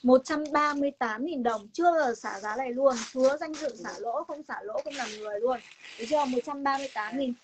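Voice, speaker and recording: A young woman with a Northern Vietnamese accent giving a casual live sales pitch for clothing, insistent and repetitive, with emphatic promises to viewers. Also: fast talker, a little hiss or hum. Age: young adult. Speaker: online clothing seller hosting a livestream sale. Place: room stacked with clothing stock, indoors.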